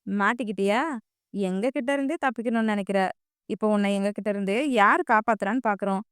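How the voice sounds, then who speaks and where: A woman's voice: mid-range voice, steady tone, quick pace, clear, resonant tone, dry recording, studio quality, lightly acted. A woman voicing a gang of crude, menacing male thugs in an audio story. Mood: jeering. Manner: jeering, crude.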